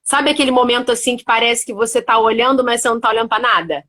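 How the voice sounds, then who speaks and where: A woman's voice: fairly high pitch, racing, a bit bright. A woman hosting a casual chat on parenting, explaining her points in a thoughtful way and often checking in with "né?". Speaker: host.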